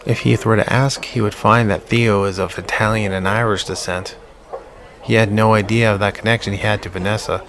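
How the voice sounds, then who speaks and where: A man narrating a psychological horror audiobook in a measured, slow-burn way. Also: fairly low pitch, steady tone, noisy background.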